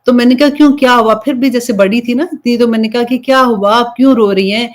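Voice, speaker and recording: A woman's voice: a little high, fairly even intonation. A young woman from Pakistan giving an informal religious talk, telling a story in a chatty way and slipping English phrases in between. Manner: conversational storytelling, switching between Urdu and English. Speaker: Islamic preacher.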